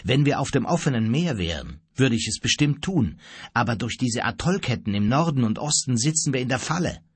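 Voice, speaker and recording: A level-headed ship owner who reasons and urges others on, as a male narrator puts him on. He talks close to the narrator's own husky voice, with a lively lilt. It is recorded dry. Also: mid-range voice, a little fast, no echo. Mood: urging.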